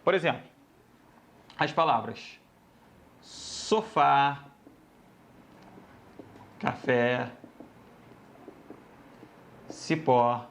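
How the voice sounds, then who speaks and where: A man's voice: medium pitch, drawn-out words, vocal fry, long pauses. A man teaching a grammar lesson, addressing students casually and repeating each rule. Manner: lively, addresses students as "galera", repeats rules.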